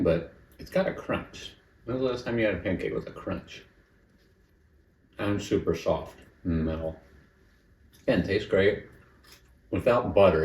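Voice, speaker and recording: In this casual cooking vlog, the male host talks while eating, tasting his dishes and being chatty and self-critical along the way. His voice sits low and a bit mellow, captured with a roomy sound far from the mic in poor audio.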